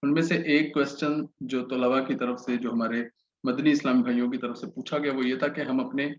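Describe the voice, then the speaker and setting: A man hosting an online teaching session, talking hesitantly with many filler sounds. His voice comes through an echoey, roomy space on dull, muffled call audio, at an ordinary male pitch. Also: fairly even intonation. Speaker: session host.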